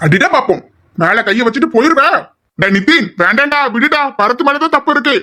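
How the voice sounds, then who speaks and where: A man's voice: very high voice, animated, brisk, bright, forceful tone, full character voice. A young man voicing male college students in an amateur audio drama, with a confrontational, lecturing manner. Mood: heated.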